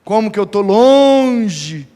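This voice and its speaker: A pastor preaching a sermon, emphatic and dramatic with humorous touches. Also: male voice, high voice, expressive, slow pace, dark tone. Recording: reverberant church hall.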